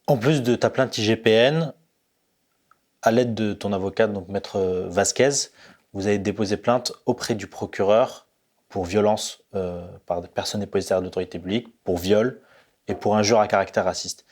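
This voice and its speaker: A man interviewing a guest, asking measured, precise questions. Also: lowish voice, darkish tone.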